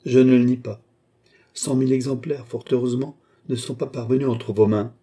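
A proud young chevalier, clipped and indignant, holding his anger under a thin calm, as a male reader puts him on. The voice is dark and husky, raised a little above the narration. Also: mid-range voice, normal speed, voice pushed up, close to an everyday voice. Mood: tense, indignant. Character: proud young chevalier, tense and barely controlled.

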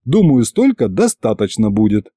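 An eager young hero, as a male narrator voices him, lifting his voice high with excitement. His delivery swings animatedly, and the tone stays mellow and dry. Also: moderate pace, breathy edge, no echo. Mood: excited. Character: excitable young man, quick-witted hero. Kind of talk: audiobook character voice.

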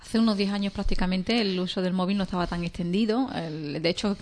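A woman's voice: on the low side, fairly even intonation, quick pace, darkish tone. A woman hosting a radio health segment. She introduces topics and puts conversational questions to the guest doctor. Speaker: radio presenter.

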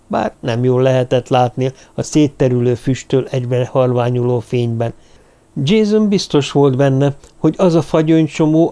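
A man narrating a novel as an audiobook in a steady, measured way. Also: medium pitch. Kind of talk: scripted narration.

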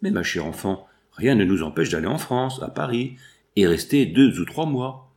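An indulgent father in his fifties voiced by a man reading aloud. He talks gently and anxiously. The delivery is lively and expressive. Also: fairly low pitch, moderate pace. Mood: worried.

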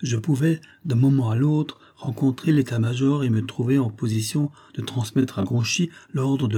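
Husky guy reading an audiobook, mellow and dark tone, steady measured storytelling. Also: medium pitch. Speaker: audiobook reader. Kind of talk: scripted narration.

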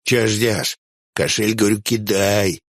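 A man voicing a cowardly, jittery male road bandit who stammers with filler sounds and turns shrill when scared, in a story reading. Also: steady tone, slow pace, fairly bright tone, no room sound, clean studio sound. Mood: threatening.

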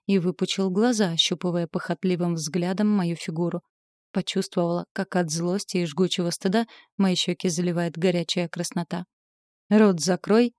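A woman narrating an audiobook in a lively, wry first-person storytelling manner. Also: fairly low pitch, no room sound, clean studio sound.

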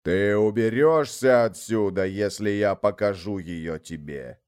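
A man voicing a giant male lord of the underworld, wrathful and scornful, who growls and thunders slowly in a storybook reading. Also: on the low side, darkish tone, smooth, natural voice.

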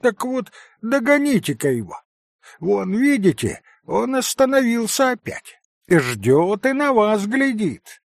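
A man reading a story aloud, voicing a group of excited schoolboys who shout and jeer in high, drawn-out voices. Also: gravelly, dry recording, studio quality, exaggerated voice. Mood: shrill jeering. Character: excited boys, shouting and jeering.

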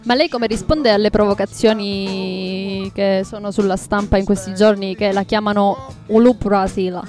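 A man co-hosting a comedy radio show, asking questions in casual, halting speech with repeated words. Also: sits high, steady tone, a little mellow, soft background music. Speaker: radio co-host. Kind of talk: casual comic banter and questioning.

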